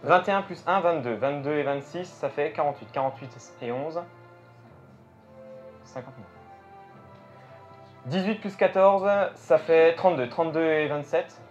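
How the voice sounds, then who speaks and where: Pausing often at a normal speed, this French stage magician has a voice on the high side. He addresses the audience and thinks aloud during live show patter. The lo-fi recording sounds dull, with music behind.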